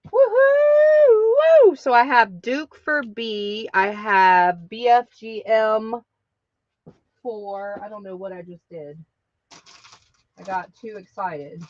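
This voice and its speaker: A woman's voice: medium pitch, slow, dull audio. A woman hosting a live craft sale stream, chatting casually with viewers and laughing often.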